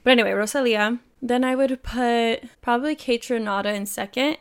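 A woman's voice: on the high side, a little fast, clean tone. A young woman co-hosting a podcast in a laid-back, casual chat, swearing now and then and trailing off. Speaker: podcast co-host.

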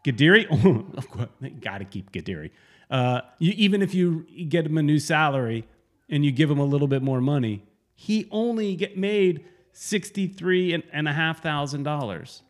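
A man with a slightly high voice co-hosts a casual sports podcast at a moderate pace. He rambles and corrects himself as he goes, breaking into sudden animated bursts.

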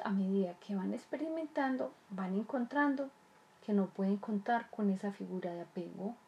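In a warm, mid-range voice with the highs cut off, a woman who speaks on child development explains child-rearing to parents. She is earnest, repeats phrases, and asks rhetorical questions.

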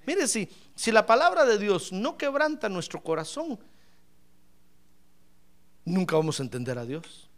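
A male pastor preaching a lively sermon, asking the congregation questions and swinging from shouts to soft asides. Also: high voice, a little slow, long pauses. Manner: animated, playful, asks the congregation questions; bursts into shouts then drops to soft asides.

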